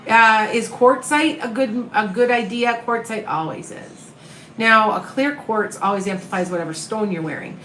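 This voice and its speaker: A tarot reader and medium from the American Midwest answers viewer questions on a live stream, speaking in an Upper Midwest accent. Her slightly high voice moves at a measured pace, calm, soothing and reassuring. The room echoes, and a faint hum sits behind her.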